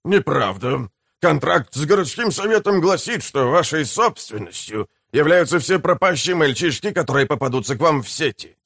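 A man's voice: a little high, expressive, normal speed, gravelly, hardly any pauses, a bit bright, dry recording, studio quality, full character voice. A man voicing a pompous, scheming male mayor in an audiobook, speaking in a grand, lecturing way. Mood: smug.

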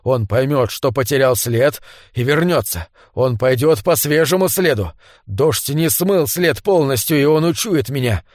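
A man voicing a hunted Englishman, hoarse and shrill, frantic and on the edge of hysteria, in a read-aloud story. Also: moderate pace, no echo, studio quality, lightly acted. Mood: frantic panic. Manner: frantic, cursing. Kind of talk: audiobook character voice.

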